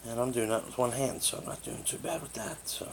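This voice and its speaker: A man with a mid-range voice and fairly even intonation talks fairly quickly while reviewing a product hands-on. His overview is casual, rambling and matter-of-fact, recorded noisily on a tablet's built-in microphone in a living room.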